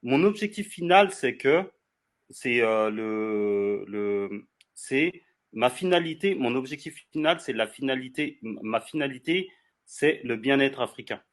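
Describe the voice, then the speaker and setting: A man's voice: medium pitch, expressive, a little slow. Insistent forty-year-old French man debating. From France. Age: 40s. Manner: insistent, repeats phrases, talks over others. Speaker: debate guest. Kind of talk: heated debate.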